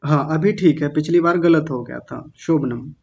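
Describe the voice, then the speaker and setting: A man teaching Sanskrit pronunciation, correcting students slowly and repeating words syllable by syllable. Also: a little high, creaky, a little mellow. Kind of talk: online pronunciation class. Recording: dull lo-fi sound.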